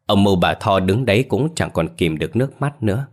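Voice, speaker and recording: A man narrating a ghost story in a measured storytelling way. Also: lowish voice, expressive. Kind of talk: scripted horror narration.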